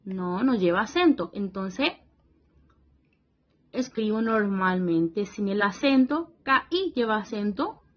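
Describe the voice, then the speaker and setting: Slow, patient woman teacher, lo-fi. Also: mid-range voice, animated. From Paraguay region. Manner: slow, patient, repeats praise and checks in with "¿sí?". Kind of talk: worksheet lesson for young children.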